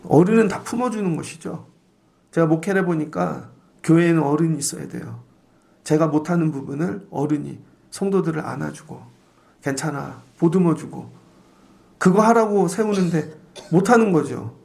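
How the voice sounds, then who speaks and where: A middle-aged male pastor delivering an early-morning sermon in a slightly high, gravelly voice. He talks in a conversational, storytelling way and slips into the voices of the people he quotes. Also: animated, normal speed, darkish tone.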